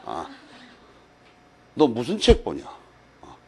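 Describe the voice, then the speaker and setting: A man's voice: medium pitch, huge pitch swings, slow, creaky, breathy edge, pitched below the performer's own voice, exaggerated voice. A man acting out a stern older male moneylender who lectures a young man in a condescending, scolding way.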